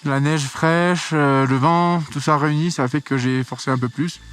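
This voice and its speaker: A mountaineer records a candid video diary outdoors in the mountains, heard from some distance on the camera mic. His voice is fairly high, and he speaks in a matter-of-fact way while searching for words. Faint music plays underneath. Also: fairly even intonation, normal speed, fairly bright tone.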